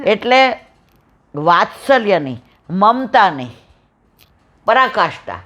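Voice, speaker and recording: A woman's voice: medium pitch, takes it slowly. A woman with a Saurashtra Gujarati accent leads a devotional satsang at home, telling a temple story and slipping into each character's lines. Her voice sits in a middle register, and the recording sounds dull and lo-fi. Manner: animated storyteller, acts out dialogue, affectionate devotional tone. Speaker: satsang speaker. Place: home room with visiting devotees.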